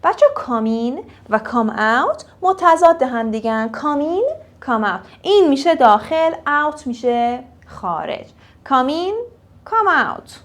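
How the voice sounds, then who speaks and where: A young woman teaching English phrases in a casual lesson, repeating each phrase slowly for learners. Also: high-pitched.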